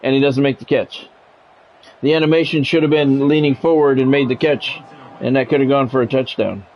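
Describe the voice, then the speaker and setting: Muffled audio captures a man with a medium-pitched, steady voice talking a little fast. He calls a football video game play by play on a live stream, dropping in grumbling, plain-spoken chat along the way.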